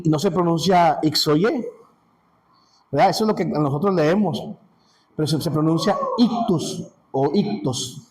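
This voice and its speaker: A man with a Mexican Spanish accent teaching a Sunday school class in a casual, halting way, full of restarts and check-ins with his listeners. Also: a little high, darkish tone, poor audio.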